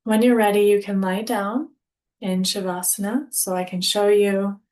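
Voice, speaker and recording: This is a female instructor guiding a yoga nidra relaxation in a mid-range voice. Calm and unhurried, she delivers short, deliberate phrases with pauses.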